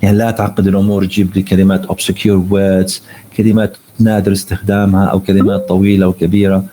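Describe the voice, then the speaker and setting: Low mellow guy teaching english online, reads the tips slow then explains them in arabic. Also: completely flat delivery, slight background noise, poor audio. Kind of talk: online lesson.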